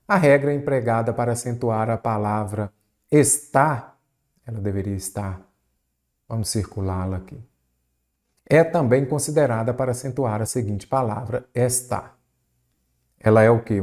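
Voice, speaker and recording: A man teaching Brazilian Portuguese spelling for an exam, asking the viewer many quick rhetorical questions. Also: medium pitch. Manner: lively, varied pace, rhetorical questions to the viewer. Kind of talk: exam-prep lesson. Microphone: recorded for an online video lesson.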